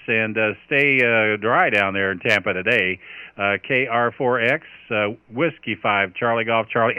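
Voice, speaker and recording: A man's voice: fairly low pitch, sharp tone, clear, resonant tone. A man running an amateur radio net in marine radio style, chatting with procedural call signs over a two-way radio. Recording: dull, band-limited radio audio.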